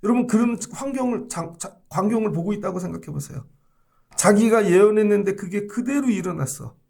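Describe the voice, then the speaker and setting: A man's voice: high voice, fairly quick, vocal fry, a little mellow. A middle-aged male pastor preaching a sermon, often asking the congregation questions.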